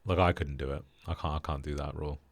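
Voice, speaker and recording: A young British man hosting a casual podcast chat, relaxed and flat in delivery with lots of fillers. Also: extremely low pitch, fast talker, no room sound. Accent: British English. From Britain. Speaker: podcast host.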